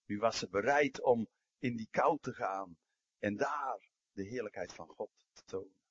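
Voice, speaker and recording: A man preaching a sermon and telling stories, dropping to a hush and then rising to emphatic outbursts. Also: fairly low pitch, a little slow, husky, no room sound, highs cut off. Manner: storytelling, swings from hushed to emphatic.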